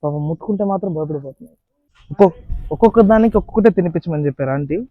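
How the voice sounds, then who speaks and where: A man's voice: fairly high pitch, very fast, no echo, narrow, tinny audio. A man vlogging casually at an outdoor animal park, chatting playfully to the animals. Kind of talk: casual vlog narration.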